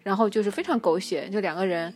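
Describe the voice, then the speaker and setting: A woman co-hosting a casual chat podcast about a TV drama, relaxed and opinionated, laughing as she defends her view. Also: mid-range voice, quick pace. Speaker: podcast co-host.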